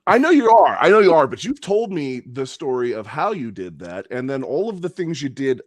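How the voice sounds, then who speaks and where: A man's voice: medium pitch, sing-song, moderate pace, dry recording. A man co-hosting a casual podcast, teasing his friends and laughing often. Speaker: co-host.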